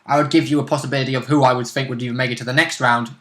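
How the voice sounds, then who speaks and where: A man with a medium-pitched, steady yet sharp voice talks at a rapid-fire pace. Co-hosting a relaxed tabletop game chat as a player in a role-play series, he walks through rules and characters in a loose, speculative, rambling way.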